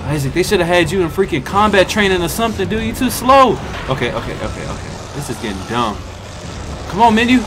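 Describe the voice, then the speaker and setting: A young American man giving excitable, trash-talking commentary while he plays a video game. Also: high-pitched, fast. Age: young adult. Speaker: gaming video host. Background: game music and sounds.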